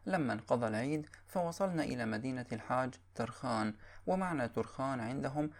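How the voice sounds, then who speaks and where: A man reading a classical historical text aloud in steady, measured, formal narration. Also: mid-range voice.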